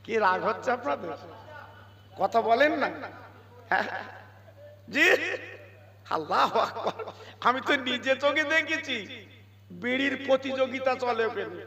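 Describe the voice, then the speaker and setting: A man preaching a fervent sermon, swinging between loud singsong cries and low asides and asking the crowd questions. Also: animated, a little slow, creaky, long pauses, in a large hall. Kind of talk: Bengali waaz sermon.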